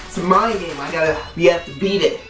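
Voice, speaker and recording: Echoey, halting casual vlogger of medium pitch. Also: a bit bright. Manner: halting, repetitive, filler-heavy with "like". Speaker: YouTube challenge host. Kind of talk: casual vlog chat to viewers. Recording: echoey room, distant mic, faint music.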